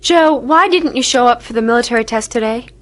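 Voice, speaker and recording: A woman's voice: on the high side, brisk, a bit bright, lightly acted. An actress playing a spirited, easily exasperated teenage girl in an English anime dub. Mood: indignant.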